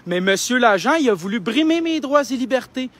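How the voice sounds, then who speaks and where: A young Québécois man with a high-pitched voice argues in an insistent, indignant tone. He speaks into a handheld phone while livestreaming outdoors. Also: animated, brisk, fairly bright tone. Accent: Québécois French. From Quebec. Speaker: independent livestreamer. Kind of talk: live street vlog. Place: outdoors outside a building.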